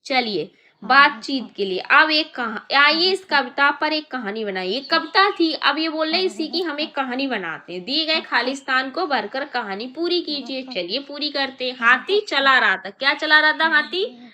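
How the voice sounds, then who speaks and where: A woman's voice: high-pitched, expressive, unhurried, bright, forceful tone. A woman teacher reading a children's poem aloud and explaining it to young pupils in a playful, exclaiming way. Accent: Indian Hindi. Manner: playful, exclaiming, laughing often. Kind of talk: children's poetry lesson.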